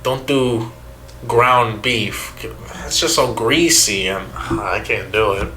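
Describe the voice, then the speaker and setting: A man's voice: lowish voice, slow, pushed and bright. A young man co-hosting a podcast, telling stories in casual, profane chat with mock voices. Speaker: podcast co-host. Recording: faint background noise.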